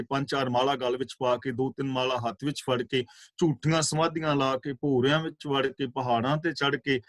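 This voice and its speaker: A man giving a scripture class, reciting verses slowly and explaining their pronunciation and meaning, with fervent rhetorical questions. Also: mid-range voice, fairly bright tone, dry recording. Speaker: katha preacher. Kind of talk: scripture exposition.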